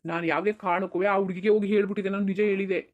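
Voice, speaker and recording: A woman's voice: medium pitch, steady tone, very fast, darkish tone, lo-fi sound, lightly acted. A woman voicing a defiant young village son in a cartoon who argues insistently with his father. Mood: soothing. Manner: argumentative, insistent. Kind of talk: cartoon dubbing.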